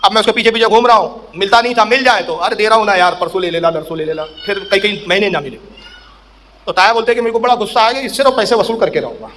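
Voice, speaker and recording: A man's voice: high voice, slight background noise. A middle-aged man preaching a religious sermon, telling stories and acting out the voices in them, rising to emphatic, raised lines at the key sayings. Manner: animated storyteller, acts out quoted saints and characters. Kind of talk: Urdu religious sermon with storytelling.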